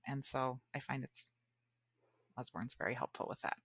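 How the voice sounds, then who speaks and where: Woman, English teacher, interview guest, bright voice, chatty, lots of fillers. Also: extremely low pitch, moderate pace, breathy edge, dry recording, clean studio sound. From United States. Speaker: guest, virtual high school English teacher. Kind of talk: casual interview chat.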